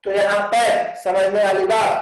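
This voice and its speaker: High-voiced man teaching in an echoey room. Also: flat delivery. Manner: dictates slowly, mixing Hindi and English. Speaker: physics teacher. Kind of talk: live online class lecture. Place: classroom with a board. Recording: very echoey room, distant mic.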